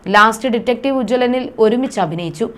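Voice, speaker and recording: A woman narrating a scripted news report in a formal, even read-aloud manner. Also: on the high side, fast talker.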